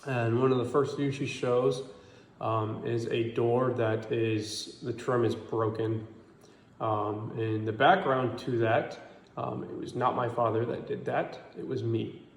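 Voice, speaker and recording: A man's voice: medium pitch, steady tone, unhurried, roomy sound, a little hiss or hum. A man in his twenties giving a hesitant statement to camera, with many ums. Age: 20s.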